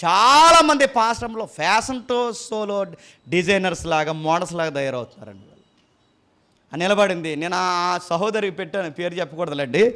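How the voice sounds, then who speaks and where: A man from a Telugu-speaking region of India delivers a sermon in a strikingly high voice. He scolds his listeners and fires mocking rhetorical questions at them as he preaches. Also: a little fast, sharp tone.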